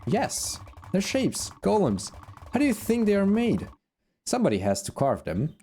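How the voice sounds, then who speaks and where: 남자가 연기하는 높고 거만한 게임 속 여자 아수라 채석장 주인, 억양이 크게 오르내리고 뒤에 잔잔한 음악. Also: male voice, sits high, wildly swooping pitch, moderate pace, mellow, faint music behind, pitched above the performer's own voice, heavily acted. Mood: haughty. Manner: haughty, scornful. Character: proud boastful female asura quarry leader.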